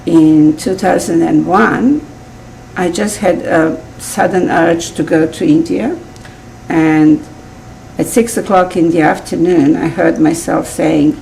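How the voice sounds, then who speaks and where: A woman's voice: on the low side, slow, gravelly, a little mellow, a little hiss or hum, poor audio. A woman with a Serbian accent, a guest in an interview, telling her story in a chatty way with frequent laughs. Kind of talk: casual interview chat.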